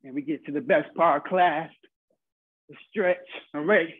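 Speaking at a normal speed in a fairly high, husky voice, this young fitness instructor leads a live online workout with brief encouraging cues and countdowns. The recording is dry, captured by a laptop or webcam mic on a video call from a small carpeted room in his home. It comes through muffled, like phone audio.

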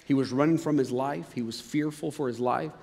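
A man preaching a sermon as pastor, telling the story with lively swings from loud excitement to hushed, low passages, with casual fillers. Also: brisk, gravelly, in a large hall. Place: church auditorium.

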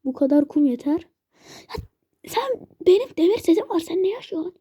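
A woman's voice: extremely high pitch, big pitch swings, moderate pace, warm tone, dry recording, studio quality. A woman giving casual let's-play commentary as host, chatting to and pleading with game monsters as she plays. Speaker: gaming channel host.

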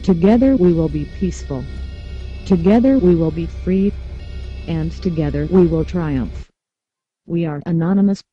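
Give me a disguised synthetic computer voice as an anonymous spokesperson, reading a scripted statement in a flat, measured way. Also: medium pitch. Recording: muffled lo-fi audio with faint music.

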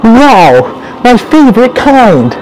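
A man voicing an excited nine-year-old boy at his birthday, gushing with childlike delight and munching noisily between lines. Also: very high voice, slow, heavily acted, rough recording. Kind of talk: solo animation voice acting.

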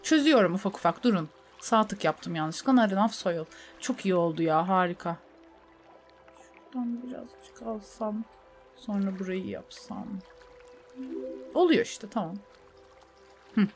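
A woman's voice: medium pitch, lively intonation, unhurried, pauses often. Young woman streamer rambling while she plays, bouncy voice, bits of sudden laughing, faint music behind. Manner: chatty, talks to herself and to chat, with sudden laughing outbursts. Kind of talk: casual gameplay commentary.

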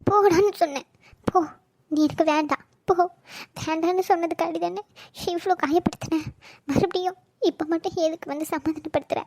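Woman voicing a very high-pitched young wife, hurt and fierce. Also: steady tone, a little fast, a little mellow, no room sound. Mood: tearful, reproachful. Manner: teasing then tearful, reproachful. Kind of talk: cartoon drama voice acting.

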